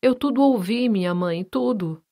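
A woman's voice: a little high, expressive, normal speed, warm tone. A woman voicing a young nobleman son who speaks with sorrow and indignation. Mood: grieving. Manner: sorrowful, impassioned.

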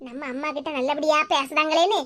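A woman with a Tirunelveli Tamil accent voicing a scheming, bossy grown daughter in a cartoon, in a low, hushed, conspiratorial voice. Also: steady tone, fast talker.

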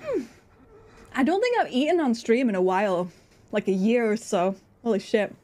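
A woman streamer with a fairly high, mellow, animated voice talks at a normal speed, chatting casually with viewers as she eats and games. She's chatty, laughs often, and keeps talking through mouthfuls.

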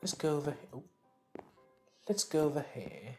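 A man's voice: fairly high pitch, sing-song, moderate pace, dark tone. A man giving casual, rambling gameplay commentary while tired, joking at himself as he plays. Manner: rambling, self-mocking, talks to himself. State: sleepy and tired. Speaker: gaming channel host. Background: faint game music and mouse clicks.

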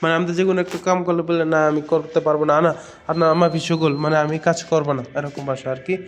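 A man from Bangladesh with a slightly high-pitched voice, teaching words casually. He says each word more than once and explains it in plain terms. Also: little pitch movement, a little fast, slight background noise. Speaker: language teacher. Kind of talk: casual vocabulary lesson.

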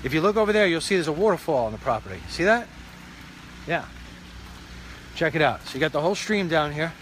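A man's voice: a little high, expressive, fast talker, a bit bright, slight background noise, poor audio. Chatty man rambling on an outdoor walk. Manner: chatty, rambling, joking asides. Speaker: show host. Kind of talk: casual walk-and-talk vlog. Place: outdoors on a rural property by a pond.

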